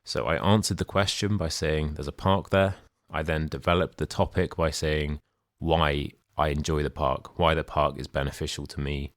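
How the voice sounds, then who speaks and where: Very deep-voiced young British man, tutoring. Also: steady tone, moderate pace, no echo, studio quality. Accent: modern British. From United Kingdom. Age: young adult. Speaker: English speaking tutor. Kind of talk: explanatory language lesson with sample exam answers.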